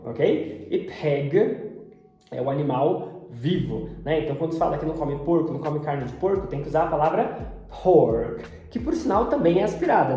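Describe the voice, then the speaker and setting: A man with a Brazilian Portuguese accent teaching English pronunciation, repeating each word slowly and carefully. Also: fairly high pitch, warm tone. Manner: repeats English words slowly and deliberately, often several times. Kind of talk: pronunciation lesson. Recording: very echoey room.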